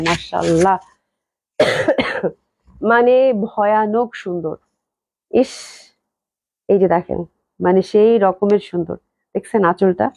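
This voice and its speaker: A young woman, hoarse from a cold, gushing with repeated praise as she sells clothes on a live stream. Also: mid-range voice, a little mellow, dry recording. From Bangladesh. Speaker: online clothing seller.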